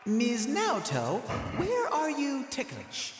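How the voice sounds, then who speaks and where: A man's voice: very high voice, wildly swooping pitch, slow, over music, heavily acted. A man voicing a cheeky, lecherous mascot creature in a video game, with a leering, self-important, showy manner. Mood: leering, flirty. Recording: echoey hall with background noise.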